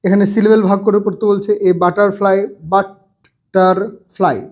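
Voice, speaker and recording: A man teaching English grammar to children, slowly repeating phrases and spelling words out letter by letter. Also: sits high, flat delivery, darkish tone. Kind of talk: bilingual grammar lesson.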